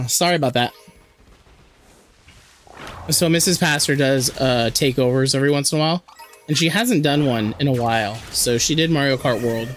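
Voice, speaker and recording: A man streaming a video game with a hoarse, sore throat, chatting and joking with his viewers over faint music. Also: medium pitch, normal speed, pauses often. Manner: chatty, joking, reads and answers chat. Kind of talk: casual live-stream chat while playing.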